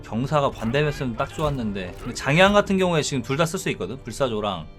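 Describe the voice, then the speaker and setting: A man streams a strategy game in an animated voice that moves up and down a lot. He thinks aloud and explains his tactics casually, with game music clearly playing behind him. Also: mid-range voice, quick pace.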